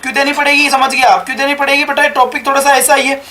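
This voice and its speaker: A man's voice: very high-pitched, little pitch movement, fast, sharp tone. A male teacher giving a live online class. He repeats each point, asks questions and answers them himself, and praises his students often. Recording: echoey room, mic at a distance.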